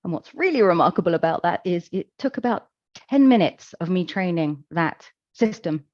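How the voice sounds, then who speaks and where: A woman giving a conference presentation, explaining in a measured, calm way with occasional fillers. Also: on the low side, no room sound, muffled recording. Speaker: conference speaker. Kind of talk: presentation talk.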